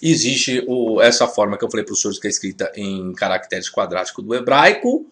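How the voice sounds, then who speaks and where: A Brazilian man teaches a theology lesson to camera, reading out Aramaic terms slowly and carefully. His pitch moves a lot as he explains, and he keeps checking in with his viewers, calling them "senhores". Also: expressive, a bit bright. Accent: Brazilian Portuguese. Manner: addresses viewers formally as "senhores". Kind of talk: spoken video lesson on Aramaic texts.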